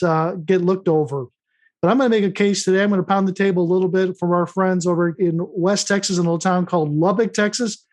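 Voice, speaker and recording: Male podcast host, notably high voice, conversational interviewing style.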